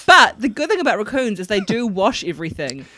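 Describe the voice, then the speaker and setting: A woman's voice: mid-range voice, big pitch swings, fairly quick, crowd noise. A woman co-hosting a casual comedy podcast, laughing often and restarting her sentences. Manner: giggly, trailing restarts. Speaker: podcast co-host.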